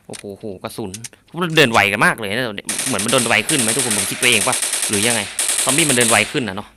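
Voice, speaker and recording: A man giving playful, jokey commentary on a mobile zombie game, bursting into shouts and mock samurai lines. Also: medium pitch, very noisy.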